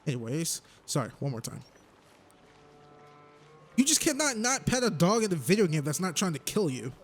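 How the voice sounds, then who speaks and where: A man's voice: on the high side, fast talker, faint music behind. Chatty gamer guy from Texas. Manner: chatty, rambling, with excited outbursts. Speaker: gameplay commentator. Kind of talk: casual let's-play commentary.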